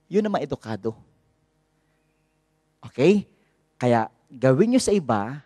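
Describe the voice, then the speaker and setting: A Filipino priest delivers a sermon with a high, swinging voice that jumps all over its range. He shifts between Tagalog and English and keeps drawing in the congregation. The sound is close and dry. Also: no echo. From Philippines. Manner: lively, mixes Tagalog and English, calls out to the congregation.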